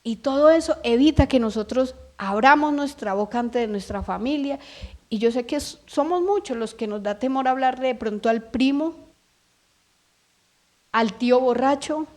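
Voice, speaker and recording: A woman's voice: high voice, normal speed, a little mellow. A middle-aged woman with a Colombian accent preaching a sermon earnestly, often acting out what people say. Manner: earnest, acts out quoted voices.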